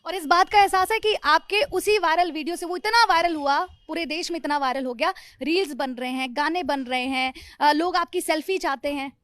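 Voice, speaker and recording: A woman reporter conducting a field interview, asking lively, prompting questions. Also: high voice, normal speed, few pauses, no echo, clean studio sound.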